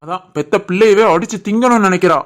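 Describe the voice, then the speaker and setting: A woman voicing an earnest, soft-hearted young husband and son in an animated family drama, with a Tirunelveli Tamil accent. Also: mid-range voice, fast talker, natural voice. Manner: earnest, pleading.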